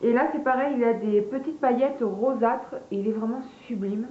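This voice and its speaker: Speaking at a moderate pace in a slightly high voice, this woman runs through a beauty product haul in a casual, hesitant way, full of fillers, and addresses her audience as "girls." The setting is a room in her home, where faint party noise rises from downstairs. Her recording sounds dull and lo-fi, with an echoey room.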